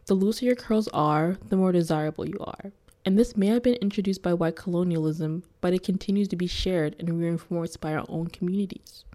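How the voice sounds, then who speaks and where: A woman's voice: on the low side, brisk, warm tone. A young woman hosting an interview, chatting casually and reading scripted narration. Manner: casual, filler-heavy in chat. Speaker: host.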